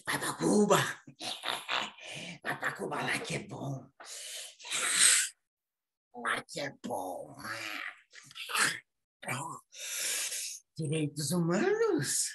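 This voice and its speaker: A man's voice: on the high side, huge pitch swings, takes it slowly, creaky, pauses often, fairly bright tone, heavily acted. A man playing a mocking reactionary man who taunts with scornful repeated questions, over a video call. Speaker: theatre workshop participant.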